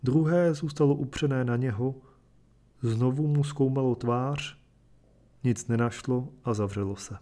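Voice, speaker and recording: Man reading literature aloud, measured. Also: mid-range voice, warm tone. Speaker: reader and commentator.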